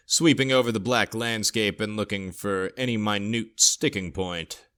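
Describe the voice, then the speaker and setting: A man reads a sci-fi horror tale in a steady, measured way. His voice sits on the low side. The delivery is plain scripted narration.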